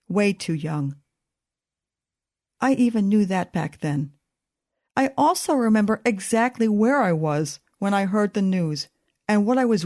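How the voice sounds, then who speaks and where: Woman in her 50s doing a slow thoughtful podcast monologue, measured and unhurried. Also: medium pitch, a little mellow. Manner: slow, measured, reflective reading. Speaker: podcast host. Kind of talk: scripted personal reflection.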